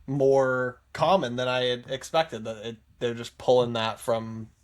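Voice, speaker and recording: Male co-host, middle pitch, loose rambling chat style. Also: little pitch movement, measured pace. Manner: chatty, rambling with fillers and tangents. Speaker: podcast co-host. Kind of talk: casual chat reviewing songs.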